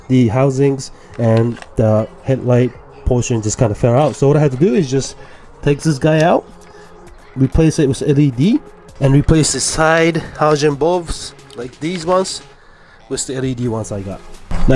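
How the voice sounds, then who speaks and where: This motorcycle vlogger, a young man congested from a cold, talks casually through each step of an install while working in his home garage. His medium-pitched voice sounds mellow, with a faint hiss or hum on the recording.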